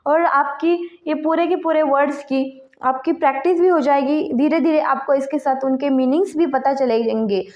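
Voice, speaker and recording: A woman teaching an English pronunciation lesson, slowly listing example words one by one. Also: sits high, dull audio.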